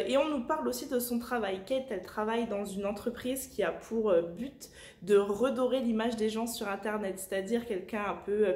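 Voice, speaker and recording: A woman's voice: medium pitch, darkish tone. Chatty woman in an echoey room. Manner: chatty, many filler pauses. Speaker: book vlogger. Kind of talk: casual vlog chat. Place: home.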